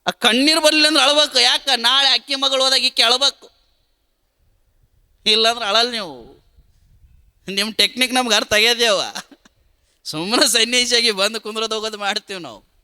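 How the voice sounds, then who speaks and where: A man delivers a humorous sermon, spinning stories in an animated way. His voice sits very high, bright and smooth. Long reverb from a hall hangs behind him. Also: fairly quick, pauses often. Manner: storytelling with lively, animated delivery. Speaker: preacher. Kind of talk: humorous religious discourse.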